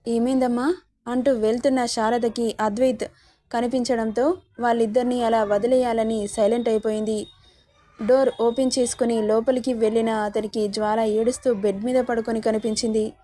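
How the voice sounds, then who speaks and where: A woman narrating a romantic story in an even, storytelling manner. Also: fairly high pitch, moderate pace, no room sound.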